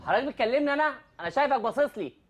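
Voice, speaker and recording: Film comedy: timid Egyptian guy, high, brisk, whiny. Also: lively intonation. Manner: panicky, whiny. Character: panicky timid young man.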